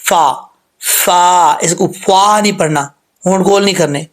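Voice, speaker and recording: A man with a fairly high voice teaches the rules of Quran recitation step by step. He is patient and repeats himself often, and he stretches out slow, sung demonstrations of single sounds. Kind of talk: tajweed lesson, explaining and demonstrating letter sounds.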